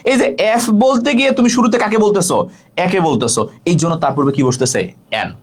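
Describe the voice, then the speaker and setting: Young man, from Bangladesh, online grammar tutor, fairly high voice, animated, repeats key points. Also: breathy edge. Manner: explains slowly, asks and answers his own questions, repeats key points. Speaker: English tutor. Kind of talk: live online lesson.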